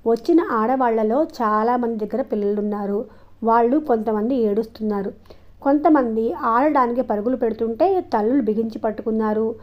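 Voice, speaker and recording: A woman narrating a novel aloud as an audiobook, in steady, even storytelling. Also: a little high, moderate pace. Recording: dull lo-fi home recording.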